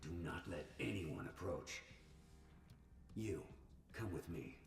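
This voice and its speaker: Terse game operative, low, raspy, commanding, heard distantly. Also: male voice, slow, full character voice. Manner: clipped, commanding. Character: terse male military operative. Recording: game audio from far off.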